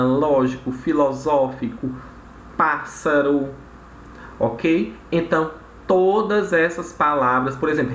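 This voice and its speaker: A man's voice: fairly high pitch, a bit bright. Echoey male teacher explaining grammar. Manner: explanatory, frequent tag questions. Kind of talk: recorded grammar lesson. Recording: echoey room with faint noise.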